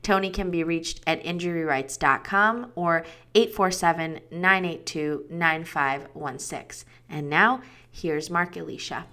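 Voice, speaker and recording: A woman's voice: lowish voice, measured pace, bright, forceful tone. A woman hosting a podcast, giving an upbeat, enthusiastic scripted introduction. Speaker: podcast host.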